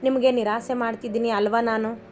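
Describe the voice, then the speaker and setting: A shy young wife speaking in a soft, plaintive voice, as a woman reading the story takes her part. The pitch is high and the delivery stays even and flat, with faint music underneath. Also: a little fast, natural voice. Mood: tearful.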